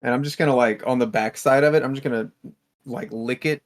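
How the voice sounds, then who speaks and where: A man's voice: mid-range voice, fairly quick. A man casually describing his fairy character and its actions as a player in a tabletop game, rambling with lots of fillers.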